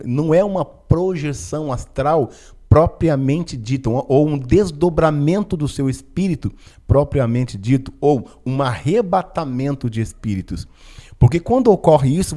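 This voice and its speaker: A male pastor with a mellow, mid-range voice teaches on spiritual matters in a casual, conversational way. He often tags his sentences with "né?" and "tá?" and speaks into a microphone in front of him.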